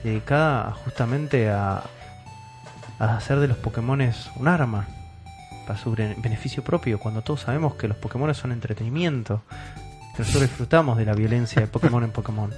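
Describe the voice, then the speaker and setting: An Argentine man presses a character with question after question during a tabletop role-play podcast, jokey and persistent. His voice sits at a medium pitch. Light music runs quietly behind him. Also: a little fast. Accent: Argentine Spanish. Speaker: player.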